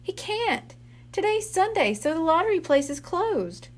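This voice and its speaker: A woman's voice: very high-pitched, sing-song, measured pace, pitched above the performer's own voice, full character voice. A woman reading as a worried older boy. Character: friendly older boy babysitting siblings.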